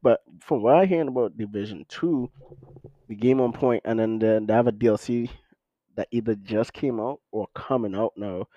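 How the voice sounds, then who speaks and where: A man's voice: fairly low pitch, normal speed, dry recording. Man with a slightly robotic, laggy voice. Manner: laid-back, loose, with repeated words. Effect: slightly robotic, glitchy voice from online lag. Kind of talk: casual chat about video games. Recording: dull, lo-fi online voice chat.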